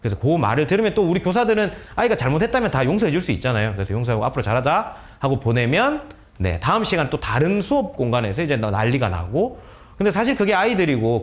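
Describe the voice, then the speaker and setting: A male teacher earnestly explaining how to guide students, giving practical advice to other teachers and acting out sample conversations. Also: a little high. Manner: earnest, explanatory, acts out dialogues. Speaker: teacher, guest speaker.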